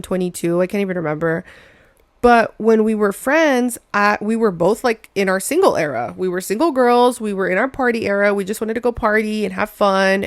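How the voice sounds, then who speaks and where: A woman's voice: medium pitch, dry recording, studio quality. A young adult woman hosting a solo podcast, telling a personal story in a chatty, emphatic way, often saying "girl" and "like". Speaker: podcast host.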